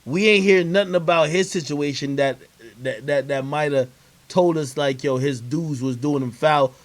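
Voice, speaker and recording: A man with a somewhat high voice, speaking at normal speed, hosts a livestream interview that turns into a casual, heated argument. He uses profane street slang and keeps insistently repeating his points.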